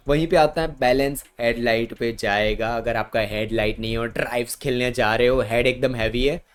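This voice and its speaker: A man's voice: medium pitch, clear, resonant tone. A man with an Indian accent explaining badminton racket choice over slides in casual Hindi, repeating words for emphasis. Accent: Indian Hindi with English terms. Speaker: badminton coach.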